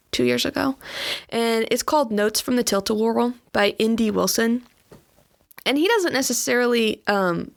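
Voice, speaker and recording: A woman's voice: mid-range voice, creaky. A woman co-hosting a faith podcast, speaking in an earnest, reflective way in casual chat. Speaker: podcast co-host.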